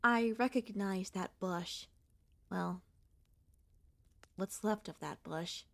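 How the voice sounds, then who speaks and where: In an ASMR roleplay, a woman voices a young centipede monster girl who is gentle, wistful, and anxious, talking softly and hesitantly in a conversational way. Her mid-range voice is slow and creaky, with no echo, and the mood is calm and reminiscent.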